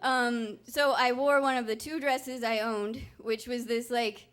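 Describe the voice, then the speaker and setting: A young woman with a somewhat high voice tells a personal story live on stage. She is candid and wry, pokes fun at herself, and keeps a conversational storyteller's flow. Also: fairly even intonation, unhurried, fairly bright tone, smooth. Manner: candid, wry and self-mocking.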